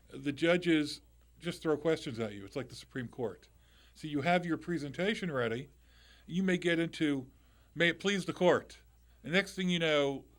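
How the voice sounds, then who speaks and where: A middle-aged man with a loud, slightly high voice hosts a live call-in radio show from a studio microphone. His talk is loose and conversational, full of restarts and small asides as he circles back.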